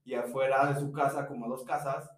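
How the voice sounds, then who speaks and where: A man's voice: mid-range voice, flat delivery, fairly quick, recorded from a distance. A young Mexican man with a Mexican Spanish accent telling a vacation story in casual, slangy chat, laughing and acting out what his friends said. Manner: slangy, laughing, acts out dialogue. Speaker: podcast co-host. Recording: echoey room, away from mic.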